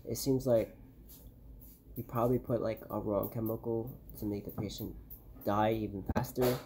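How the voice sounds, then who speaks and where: A young man playing a guilt-ridden doctor in an amateur found-footage diary, talking in a halting, subdued, weary way. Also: lowish voice, fairly even intonation, close to an everyday voice. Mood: grave, uneasy. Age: young adult. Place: small bedroom, indoors. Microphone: phone at arm's length. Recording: noisy phone recording with clicks.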